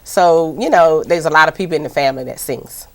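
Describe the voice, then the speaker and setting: A woman's voice: low-pitched, brisk. A woman with a Southern US accent, a TV host and producer, chatting as a guest in an interview, rambling along with plenty of fillers. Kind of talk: casual interview chat.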